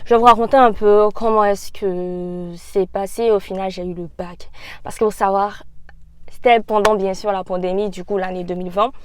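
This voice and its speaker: Young woman, Ivorian French accent, casual storytime vlog, lively slang, phone mic in a car. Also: mid-range voice, normal speed, smooth, no room sound. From Côte d'Ivoire. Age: young adult. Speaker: YouTuber. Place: parked car. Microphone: phone in a holder.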